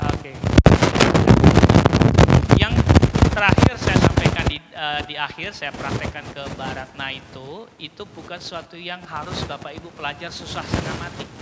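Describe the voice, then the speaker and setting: A teacher trainer giving a workshop lecture to teachers, lively, acting out short child and teacher dialogues and often checking that the audience follows. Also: medium pitch, very noisy. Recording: long hall reverb.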